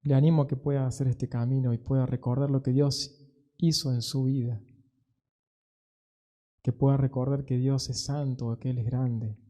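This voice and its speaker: A young adult man preaching a sermon as a pastor in an earnest, pastoral way, slowing down to stress key phrases. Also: medium pitch, level tone, mellow. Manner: earnest, pastoral, with slow emphatic pauses. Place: church.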